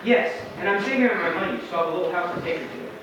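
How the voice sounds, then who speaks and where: A man's voice: high voice, racing, close to an everyday voice. A man acting an ardent, tender young suitor in a stage play, speaking with eager, pleading earnestness. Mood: happy. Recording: echoey theatre, far microphone, noisy.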